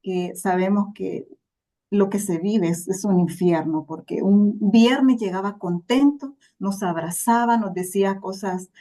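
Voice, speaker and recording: Telling her life story on a podcast, an interview guest from El Salvador speaks in an earnest, reflective way. Her medium-pitched, dark voice moves at a measured pace with hardly any pauses.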